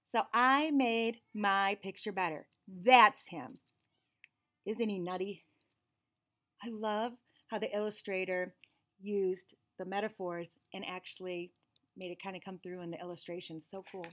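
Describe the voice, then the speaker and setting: In a small indoor room lined with shelves and cabinets, an American woman in her forties reads a picture book to young children. Her medium-pitched, fairly bright voice stays steady and unhurried as she reads expressively and adds friendly teaching asides in her role as read-aloud host and teacher.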